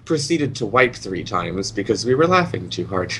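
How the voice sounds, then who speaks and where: A man hosting a podcast in casual chat, laid-back and quick to laugh. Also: on the low side, very animated, noisy background. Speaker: podcast host.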